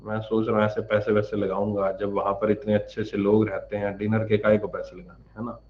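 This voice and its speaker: A man's voice: fairly low pitch, little pitch movement, a little fast, dull audio. Man teaching a chatty live class. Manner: chatty, joking, explains patiently. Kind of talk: live online class answering chat questions.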